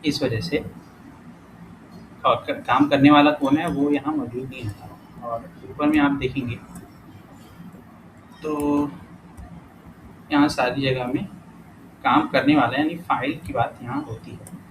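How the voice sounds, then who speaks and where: A man teaching a casual lesson who thinks aloud as he works through exercises, corrects himself often and reads example words out slowly. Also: medium pitch, steady tone. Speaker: language teacher. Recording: clear background noise.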